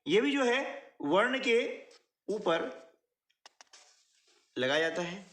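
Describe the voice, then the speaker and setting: A man's voice: slow pace, roomy sound. A man teaching a workbook lesson, explaining step by step and often checking in with short questions to the listener. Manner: lively, rising and falling pitch.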